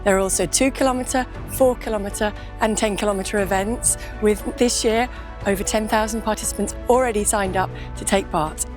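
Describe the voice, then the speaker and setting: A woman's voice: medium pitch, fairly even intonation, brisk, over music. A woman presenting and commentating on a road race in a friendly, explanatory way.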